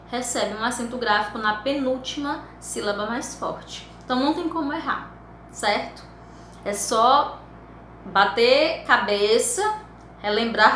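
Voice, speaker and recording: A woman teacher with a Brazilian Portuguese accent, her voice bright and a touch high, walks a class through a lesson with patient, step-by-step explanations. She is recorded in an echoey room with faint noise behind her. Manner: patient, explanatory, spells out endings slowly.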